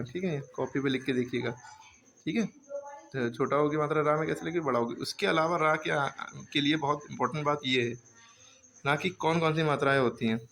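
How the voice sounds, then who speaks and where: A man's voice: fairly high pitch, fairly bright tone, slight background noise. A man teaching a handwriting lesson, explaining patiently step by step and often checking that the students follow.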